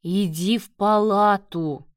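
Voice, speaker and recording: A woman reading the part of an angry male head surgeon who shouts and scolds. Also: fairly low pitch, measured pace, no room sound, studio quality, distant mic, close to an everyday voice. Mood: snapping.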